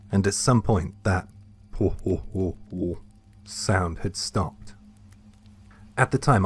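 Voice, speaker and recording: Deep-voiced man narrating horror. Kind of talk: scripted first-person narration.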